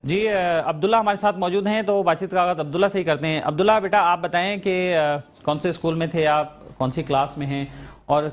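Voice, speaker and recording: A man hosting a TV talk show, leading a guest interview with measured, probing questions and thoughtful fillers. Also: high-pitched, fairly even intonation.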